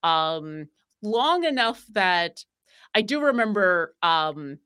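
A woman from New York State chatting casually as a podcast guest, often pausing with fillers and restarting her sentences. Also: on the low side, big pitch swings, bright, forceful tone, smooth. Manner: hesitant, many fillers and restarts. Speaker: podcast guest, tabletop game player. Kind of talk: casual chat.

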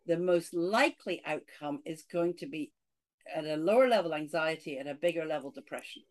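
A middle-aged woman from Scotland with a Scottish accent, a podcast guest talking in an animated way and saying "you know" a lot. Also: low voice, brisk. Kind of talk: casual interview talk.

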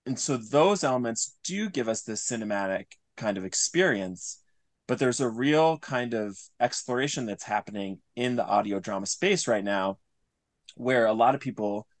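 Here a man guesting on an interview talks about his craft as an audio drama writer, laying out his creative thinking earnestly, analytically and at some length. His voice is mid-range and expressive, at normal speed.

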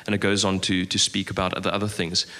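Bright-voiced man preaching in a reverberant hall. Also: sits low, flat delivery, fast talker. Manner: reads scripture aloud, then explains with repeated words. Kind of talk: church teaching dialogue.

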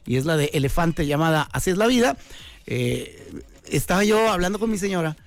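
A radio host with a Mexican Spanish accent tells a comic story in a playful, joking monologue, acting out different voices. His animated voice is a little high with vocal fry and moves a little fast, while faint music plays behind him.

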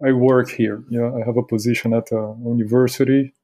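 A man from Rio de Janeiro with a Carioca Brazilian Portuguese accent, talking casually as an interview guest in a halting, courteous way, often repeating words. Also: mid-range voice, level tone, warm tone. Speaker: podcast guest, university academic.

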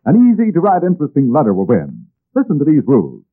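A man in the style of an old radio announcer, reading a scripted sales pitch and addressing listeners directly like a salesman. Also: huge pitch swings, quick pace. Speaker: announcer reading sponsor ads. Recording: tinny, band-limited old radio recording.

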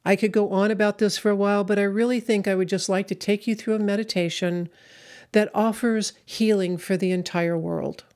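A woman giving an inspirational spiritual talk in measured, reflective short phrases. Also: medium pitch, fairly even intonation, a little mellow. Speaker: spiritual speaker.

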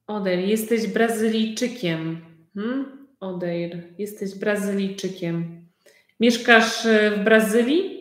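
A woman's voice: medium pitch, roomy sound. A woman teaching a live online conversation class, speaking in simple sentences and repeating her questions for learners.

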